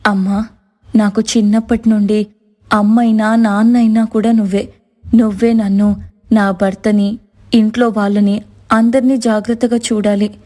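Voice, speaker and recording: Woman voicing a gentle meek young wife. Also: mid-range voice, flat delivery, a little slow, long pauses, close to an everyday voice. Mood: prayerful. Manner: gentle, soft-spoken, pleading. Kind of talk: cartoon voice acting.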